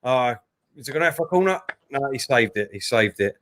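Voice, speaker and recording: This co-host of a laid-back football watchalong, from the Isle of Dogs in East London, has a mid-range voice and talks fairly quickly. Chatty throughout, he reads out messages from viewers and erupts into excited calls on the game.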